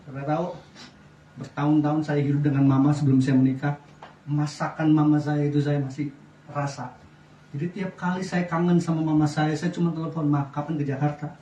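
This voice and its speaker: A middle-aged man preaching a sermon as pastor, lively, often asking the congregation questions. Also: a little high, brisk, slight background noise. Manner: lively preaching with wide swings in loudness, asks the congregation questions. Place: church. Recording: echoey church sound from a distance.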